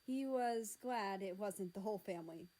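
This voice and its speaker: Young woman narrator reading fan fiction, casual and even, middling voice. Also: medium pitch, moderate pace, poor audio. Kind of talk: casual read-aloud storytelling.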